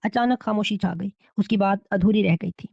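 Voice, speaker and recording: A woman's voice: medium pitch, gravelly, a little mellow, no room sound. Woman reading a story, dull dry sound. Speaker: narrator. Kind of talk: scripted horror story narration.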